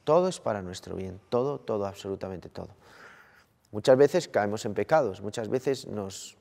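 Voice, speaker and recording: A man, a priest from Colombia, giving an earnest, slow-paced Sunday sermon and addressing his listeners as brothers. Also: on the low side, lively intonation, creaky, darkish tone, in a large hall.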